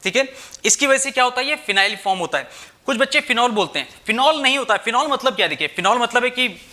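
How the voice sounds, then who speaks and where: A man's voice: extremely high pitch, lively intonation, fast talker, bright, forceful tone. A young man teaching chemistry, mixing Hindi and English, who keeps asking rhetorical questions and checking "theek hai" with his students. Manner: addresses students as "bhai". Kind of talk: explaining at a whiteboard, Hindi-English mix.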